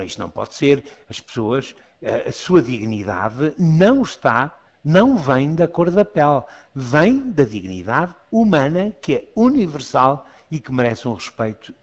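A man's voice: mid-range voice, sing-song, measured pace, hardly any pauses. A man, a Jesuit priest, talking earnestly in an interview, often repeating words as he goes. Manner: earnest, repeats words, quotes sermons aloud. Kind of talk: conversational interview. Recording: dull lo-fi sound with long reverb.

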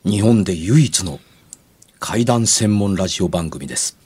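A man's voice: low voice, lively intonation, measured pace, mellow, breathy edge. A man in his sixties with a Kansai accent, commenting casually as a radio show regular. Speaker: ghost-story collector and radio show regular.

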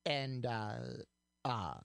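A man's voice: mid-range voice, drawn-out words, fairly bright tone, clean tone, no echo. Chatty male tech radio co-host. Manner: chatty, hesitant with fillers and repeats. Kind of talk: casual tech talk radio chat.

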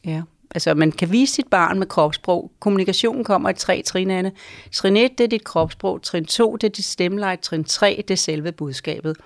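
A woman's voice: fairly low pitch, no room sound, clean studio sound. A woman giving parenting advice on a call-in show, talking in long reassuring run-ons that keep checking in with the listener. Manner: rambling, reassuring, frequent tag questions. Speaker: parenting advisor.

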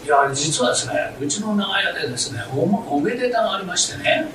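A man playing an eager, rough-spoken young father in a comic story, heard from afar in a roomy, noisy hall. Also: high voice, lively intonation, quick pace, far from the mic.

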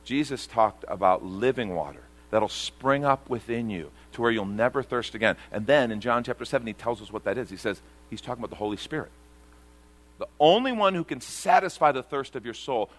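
Middle-aged pastor guy preaching in a church, bright voice, gets loud then goes quiet. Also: mid-range voice, expressive, a little fast. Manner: earnest preaching, reads scripture aloud, swings from emphatic to hushed. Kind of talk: sermon. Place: church sanctuary before a congregation.

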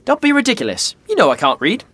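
A man's voice: very high-pitched, huge pitch swings, fast talker, bright, forceful tone, dry recording, exaggerated voice. A man playing a blunt, slangy young prince. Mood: teasing. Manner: slangy, blunt, swears a lot.

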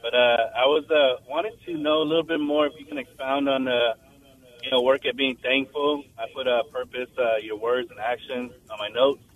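A man's voice: mid-range voice, fairly even intonation, moderate pace. A man calling in to a radio show, heard over a phone line, politely searching for words as he asks his question. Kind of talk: call-in question.

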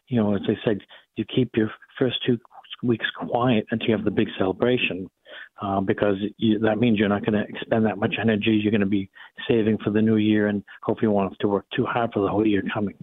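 An older man with a Boston accent, talking casually and modestly as a doctor guest on a radio interview, explaining things in a measured way over a phone line. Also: on the low side, flat delivery, husky, dry recording. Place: phone call into radio show. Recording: thin phone-line sound.

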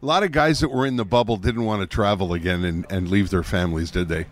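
A man hosting a radio show from a studio, chatting in a lively way, laughing often and dropping in French phrases. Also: deep voice, fast, dry recording. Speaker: radio host. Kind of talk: casual radio chat. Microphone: studio microphone with headphones.

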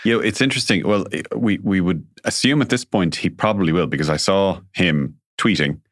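A man's voice: low-pitched, fairly quick, no echo, clean studio sound. A man hosting a conversational interview, musing and hesitant as he puts his questions. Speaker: interview host.

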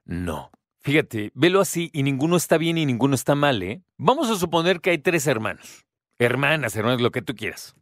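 A man's voice: mid-range voice, big pitch swings, brisk, a bit bright, dry recording. Mexican man, close dry mic. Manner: acts out children's voices in anecdotes. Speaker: podcast host. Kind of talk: casual talk to the listener.

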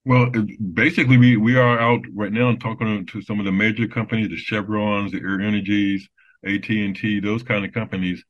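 A man talking as an interview guest, speaking haltingly with many fillers and restarts. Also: on the low side, little pitch movement. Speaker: business development guest. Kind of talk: casual interview talk. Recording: dull lo-fi sound.

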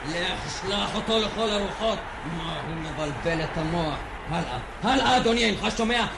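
A man's voice: high voice, expressive, creaky. A curt, mocking policeman. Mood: dismissive. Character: impatient, dismissive male police officer. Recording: echoey with background noise.

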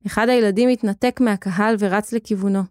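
A woman giving a steady, expressive scripted narration of a children's story. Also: medium pitch, clean tone, no echo, clean studio sound.

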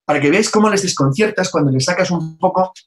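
A man, explaining history in a chat with brisk, detailed asides. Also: high-pitched, a little hiss or hum. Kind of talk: casual radio chat.

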